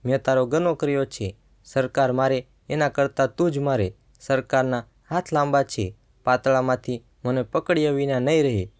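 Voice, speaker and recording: A man's voice: mid-range voice, moderate pace, smooth, natural voice. A man telling a story, voicing a fierce old village mother who pleads in a pained, trembling way. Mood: anguished. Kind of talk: storytelling narration.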